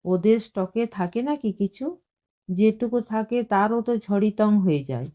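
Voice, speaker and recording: An easygoing husband gently talking his wife round, as a woman narrator voices him in an audio story. He speaks slowly, in a mellow, relaxed tone. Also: medium pitch, dull audio, natural voice. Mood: coaxing. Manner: coaxing, mixes English phrases. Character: easygoing middle-class husband, coaxing.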